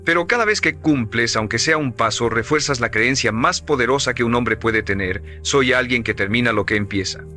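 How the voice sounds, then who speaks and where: Bright-voiced male motivational narrator. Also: medium pitch, faint music behind. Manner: emphatic, measured, preaching cadence.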